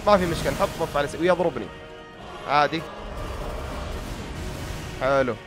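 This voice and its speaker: A young gaming YouTuber with a Gulf Arabic accent gives casual commentary over music, talking directly to viewers as he grumbles and pokes fun at himself. His slightly high voice is brisk, sounding tired and strained.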